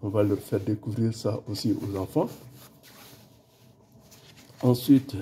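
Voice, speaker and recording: Slow, halting man with a dark husky voice. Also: lowish voice, a little hiss or hum. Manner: halting, many fillers and repeated words. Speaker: teacher presenting a school play booklet. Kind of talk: casual spoken presentation.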